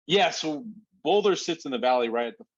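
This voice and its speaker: A man's voice: a little high, lively intonation, fairly quick, muffled recording. A man chatting as a podcast guest, easygoing, friendly and jokey. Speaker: podcast guest, police commander and comedian. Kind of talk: casual podcast chat.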